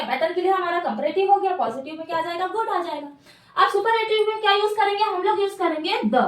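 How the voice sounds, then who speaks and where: A woman teaching a grammar lesson, asking questions and answering them herself and repeating key words. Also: extremely high pitch. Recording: echoey room, mic at a distance.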